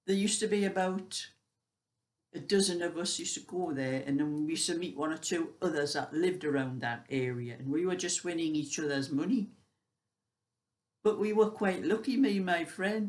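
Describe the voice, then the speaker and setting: An elderly British woman of seventy-five chatting casually, telling everyday stories in a rambling, conversational way. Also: on the low side. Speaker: vlogger sharing everyday life. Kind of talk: casual chat.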